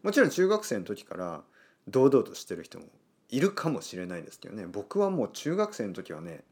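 A man hosting a casual solo podcast, talking slowly and clearly with many fillers. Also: lowish voice. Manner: animated, acts out quoted voices. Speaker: podcast host.

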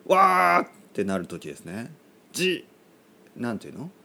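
A man hosting a solo podcast for language learners, talking in a playful, joking way and speaking slowly and clearly. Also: sits low, animated. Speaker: podcast host teaching Japanese learners. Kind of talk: casual solo podcast talk.

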